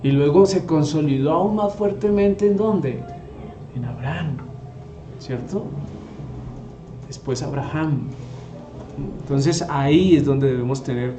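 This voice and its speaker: Man, Bible teacher, slightly high voice, rhetorical questions, echoey room, faint background hum. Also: dark tone. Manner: asks the audience rhetorical questions.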